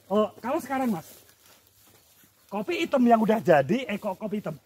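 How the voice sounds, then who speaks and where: A man's voice: high voice, sing-song, moderate pace, a little mellow, breathy edge. A man with a Javanese accent hosting a casual outdoor vlog, chatty and inquisitive, often repeating what he is told. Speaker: vlog host asking locals questions. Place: outdoors on a rural coffee-growing hillside.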